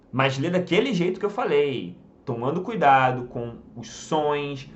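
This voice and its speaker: Lively Brazilian man teaching. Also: on the high side, dull audio. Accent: Brazilian Portuguese. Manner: talks while drawing on a board, many fillers like "tá?" and "ó". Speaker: English teacher. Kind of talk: casual online lesson.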